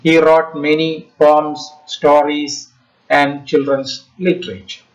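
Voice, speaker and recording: A male school teacher with a Malayalam Indian English accent gives a didactic lesson to schoolchildren in short halting phrases, often asking questions. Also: a little high, level tone. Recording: slightly dull lo-fi audio.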